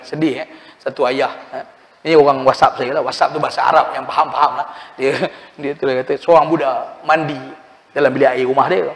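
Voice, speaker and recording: High-voiced preacher in mosque. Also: male voice, gravelly. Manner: animated storytelling, addresses listeners as "tuan-tuan". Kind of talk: mosque sermon. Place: mosque hall. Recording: long reverb in a mosque hall.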